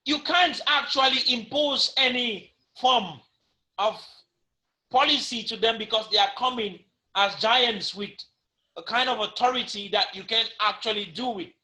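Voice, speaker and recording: On a talk show, a man delivers an impassioned speech to camera, his voice very high-pitched, bright and forceful at a measured pace. He preaches emphatically and repeats himself a lot, and the audio quality is poor.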